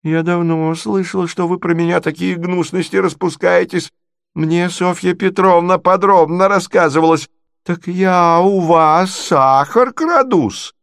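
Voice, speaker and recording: A man's voice: high voice, measured pace, vocal fry, fairly bright tone, dry recording, clean studio sound, voice pushed up, full character voice. A man voicing a quarrelsome provincial lady who squabbles shrilly and indignantly.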